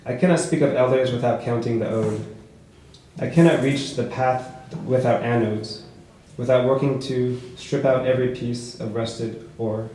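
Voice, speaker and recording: A man reading his own prose poetry aloud at a book launch, with a measured, rhythmic delivery. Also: mid-range voice, steady tone, mellow. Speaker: author reading his work. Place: bookshop event space. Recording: echoey room with faint noise.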